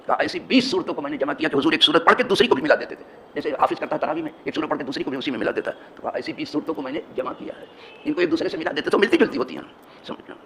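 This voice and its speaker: A mosque imam with an Indian Urdu accent teaches hadith in an expressive, somewhat high and fairly bright voice. He tells a story with asides to listeners, building to emphatic repetition, over slight background noise.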